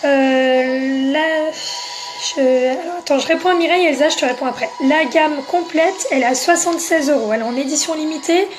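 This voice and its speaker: A French-speaking woman selling makeup on a casual live stream, chatting and answering viewers by name. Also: high voice.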